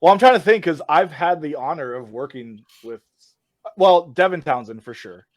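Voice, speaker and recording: A man's voice: on the high side, animated, moderate pace, no room sound. A man who plays in a metal band, chatting as a podcast guest, rambling and teasing a little. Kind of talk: casual chat.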